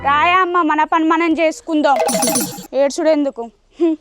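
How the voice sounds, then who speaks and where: A woman's voice: sits high, fairly even intonation, normal speed, music in the background, natural voice. A woman with a Telangana accent playing a young village daughter who comforts her mother and talks back to her sister-in-law. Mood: retorting. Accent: Telangana Telugu. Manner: soothing, then firmly retorting.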